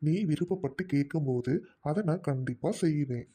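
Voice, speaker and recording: A man's voice: on the high side, a little fast, mellow, a little hiss or hum, lightly acted. A man voicing a stern, traditional young village man in a cartoon, speaking in a firm, lecturing tone.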